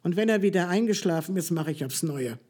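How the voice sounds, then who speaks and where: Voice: mid-range voice, expressive, brisk, darkish tone, close to an everyday voice. A reader doing a gloating cruel giant. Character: hideous grinning male giant, gleeful and cruel. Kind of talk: storybook reading.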